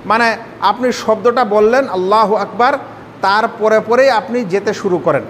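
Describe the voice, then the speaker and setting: A male Islamic scholar leads a sermon-style lesson on praying, going through each step and putting rhetorical questions to his listeners. His voice is fairly bright at a normal speed, recorded with hall reverb and a faint rumble.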